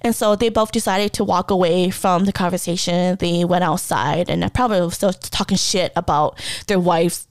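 A woman's voice: fairly low pitch, steady tone, normal speed, no echo. A young woman podcast host telling a personal story candidly, blunt and emotional with heavy swearing, close to tears at times. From Hmong community.

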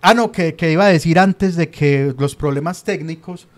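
A man's voice: a little high, moderate pace. A young man with a Colombian paisa accent, co-hosting a casual chat, rambling and opinionated with lots of slang. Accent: Colombian paisa Spanish. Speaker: podcast co-host.

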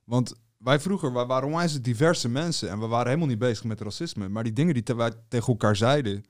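A man's voice: mid-range voice, fast talker. A man in a casual discussion who often interjects to disagree. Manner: interjecting, argumentative. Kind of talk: casual chat.

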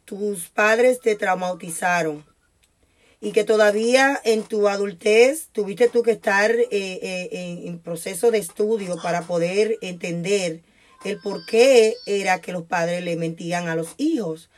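A woman's voice: mid-range voice, a little slow. A woman radio host interviewing a guest, hesitant with many fillers.

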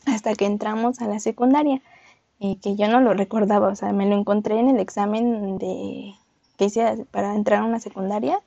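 A woman's voice: mid-range voice, fairly even intonation, normal speed, gravelly, warm tone, dry recording, dull audio. A young woman co-hosting a podcast, telling a personal story in casual chat, laughing often and acting out voices. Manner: laughs often, acts out voices in her anecdotes. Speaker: podcast co-host.

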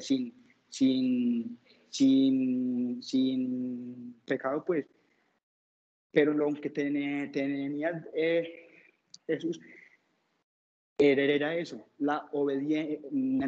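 A man giving an informal preaching testimony to a group, halting often with stammered restarts and repeated words. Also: on the high side. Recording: dull lo-fi recording.

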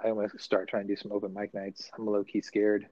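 Lowish, dark and monotone, this male podcast co-host talks fairly quickly with no echo on a dull, dry recording. His casual delivery is rambling and profane, full of restarts and self-corrections.

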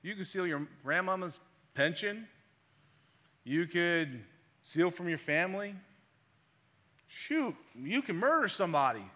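A man's voice: high voice, lively intonation, measured pace, pauses often, pushed and bright, pitched above the performer's own voice, full character voice. A man voicing a blunt, streetwise male prison inmate in an offhand, drawling way. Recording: long reverb of a large hall.

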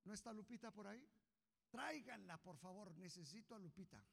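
A man preaching a sermon as pastor, impassioned, swinging from hushed asides to shouts. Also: high voice, animated, a little fast, creaky, breathy edge. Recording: long hall reverb.

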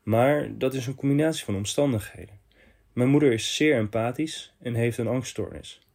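A man hosting a podcast, reading a listener's confession letter aloud in short, measured phrases. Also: mid-range voice, mellow.

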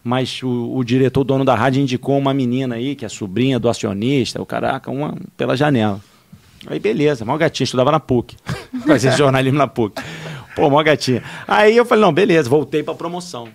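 A man, telling animated, slangy stories as a podcast guest. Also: mid-range voice, a little fast, vocal fry. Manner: animated, slangy, laughing through anecdotes. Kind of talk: casual storytelling.

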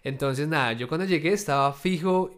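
A man's voice: fairly high pitch, a little fast. A man who runs his own businesses talks casually to camera, speaking to his viewers directly, asking them questions and filling his speech with loose fillers. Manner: conversational, loose, with many fillers. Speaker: entrepreneur sharing his experience.

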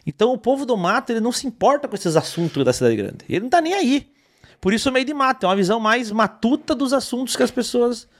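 A man with a high, bright-sounding voice tells funny stories in a relaxed interview. He talks in animated bursts, full of energy. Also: fast. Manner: animated storytelling, lively. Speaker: comedian guest. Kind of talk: casual interview chat.

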